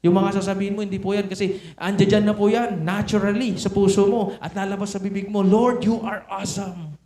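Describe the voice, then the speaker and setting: A man's voice: sits high, flat delivery, quick pace, dark tone. A man preaching a sermon in Tagalog mixed with English, often asking the congregation rhetorical questions. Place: church sanctuary. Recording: echoey church hall.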